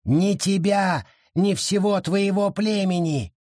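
A man voicing a small, hostile wild forest creature that growls and shouts spiteful threats in an audiobook. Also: high-pitched, takes it slowly, no echo, studio quality, voice pushed up. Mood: scornful. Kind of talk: audiobook character voice.

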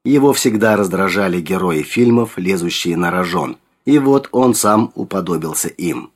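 A male narrator reads a story aloud with a low voice. His delivery is steady and measured, like a practiced audiobook reader. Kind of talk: scripted narration.

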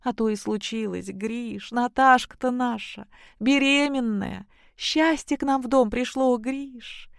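An audiobook reader voicing an older village mother who frets and laments in a shrill, loud voice. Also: unhurried, vocal fry, no room sound, studio quality. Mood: joyful lament.

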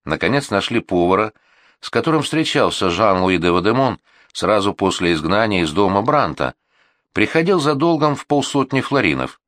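A man narrating a historical novel as an audiobook with expressive, varied intonation. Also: fairly low pitch, normal speed, no room sound, clean studio sound. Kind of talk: scripted narration.

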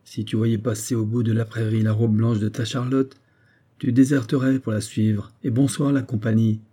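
Man putting on a brutal soldier, mocking, raised voice, dark husky tone, storybook reading. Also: fairly low pitch, little pitch movement, moderate pace. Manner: jeering, raised and loud. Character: brutal hulking male grenadier, mocking and quarrelsome.

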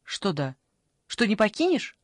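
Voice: wildly swooping pitch, a little slow, no echo, clean studio sound. A reader voicing a fussy, clingy old grandmother in an audiobook, pleading and fussing in a raised voice. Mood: pleading, anxious. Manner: pleading, fussing, high-pitched outbursts.

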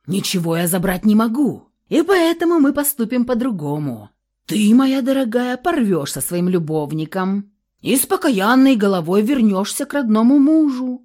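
A woman's voice: mid-range voice, natural voice. A woman reading a cruel, menacing husband. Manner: shouting insults, then sneering and cold. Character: cruel scheming husband, grown man, cold and menacing. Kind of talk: audiobook character reading.

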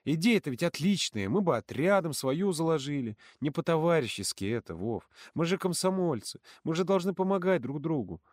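A man voicing a stern, dutiful young woman camp counselor who scolds and then turns shrill with outrage in an audiobook. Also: very animated, normal speed, hardly any pauses, no room sound, studio quality. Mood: reproachful. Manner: reproachful, rising to shrill outrage.

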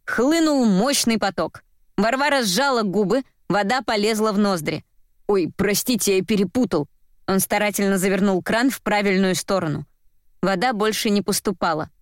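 A woman narrating a story in a wry, even storytelling manner. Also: mid-range voice, normal speed, no echo, studio quality. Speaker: audiobook narrator. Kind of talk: scripted narration.

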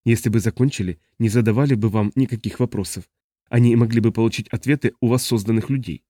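A man voicing a cautious, measured advisory being. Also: mid-range voice, steady tone, mellow, no room sound, clean studio sound, natural voice.

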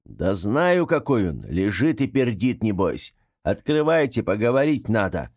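A man voicing a gruff, exasperated man with a hoarse voice, calling through a door. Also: fairly low pitch, very animated, a little slow, a little mellow, full character voice.

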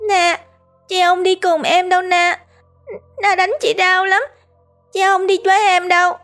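A woman's voice: very high voice, level tone, measured pace, fairly bright tone, soft background music, pitched above the performer's own voice, heavily acted. A woman voicing a small, frightened little girl who cries and wails as she talks. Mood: crying. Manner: wailing, tearful.

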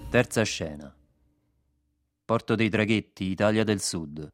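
A man reading the stage directions in a very slow, measured announcer voice. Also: lowish voice, soft background music. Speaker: scene announcer.

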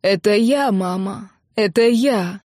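A woman's voice: mid-range voice, slow, a little mellow, dry recording, studio quality. A woman voicing a panicked young man who is crying on the phone, speaking in broken, breathless phrases. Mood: tearful.

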